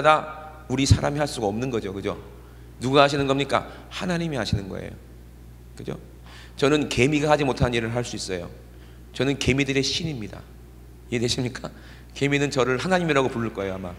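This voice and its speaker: A middle-aged pastor delivers a chatty sermon and keeps asking his listeners to agree. His voice sits a little high for a man. It rings out with a long reverb in the church. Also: fairly bright tone. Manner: conversational, keeps checking in with the congregation. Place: church sanctuary.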